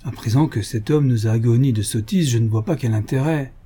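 A man reading a storybook voices a timid, portly middle-aged gentleman from the provinces who speaks hesitantly and politely. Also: mid-range voice, fairly quick, breathy edge, close to an everyday voice.

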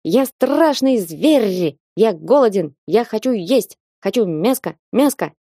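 A woman voicing a tiny, boastful male chihuahua who shouts in short shrill bursts. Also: animated, slow, no echo, studio quality. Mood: shrill demanding.

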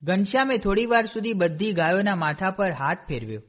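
A man reads a devotional storybook aloud in a steady, clear voice. His voice sits high for a man. The sound is narrow and tinny, like a phone line. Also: brisk. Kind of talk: storybook narration.

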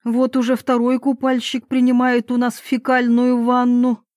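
Woman doing an excitable, dramatic mother. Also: on the high side, unhurried, no echo, clean studio sound, natural voice. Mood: breathless. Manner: emotional, exclamatory.

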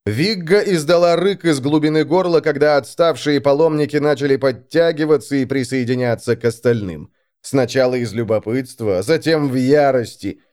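A man narrating an audiobook in a dramatic, expressive reading. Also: medium pitch, normal speed. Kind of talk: scripted narration.

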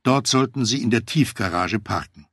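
A man reading a first-person memoir as an audiobook, in a measured, matter-of-fact way. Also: mid-range voice, animated, a bit bright, slightly rough, no room sound, clean studio sound. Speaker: audiobook narrator. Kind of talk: scripted memoir narration.

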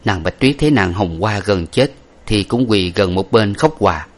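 A man narrating an old adventure novel aloud in a steady, literary storytelling manner. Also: on the low side, moderate pace.

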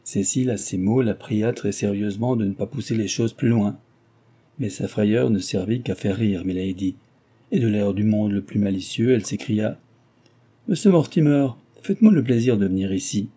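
Husky dark-voiced male narrator. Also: fairly low pitch, fairly even intonation, normal speed. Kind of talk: audiobook reading of a classic novel.

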